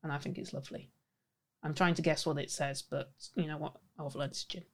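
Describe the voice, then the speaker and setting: A woman's voice: low-pitched, steady tone, a little fast. A woman in her twenties hosting a casual podcast, chatty and rambling, with giggles and self-corrections. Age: 20s. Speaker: podcast host. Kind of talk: casual chat.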